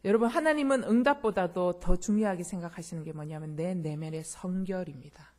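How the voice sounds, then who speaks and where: Speaking fairly quickly in a lowish, darkish voice, a woman pastor delivers an emphatic sermon. She frequently turns to her congregation and puts questions straight to them.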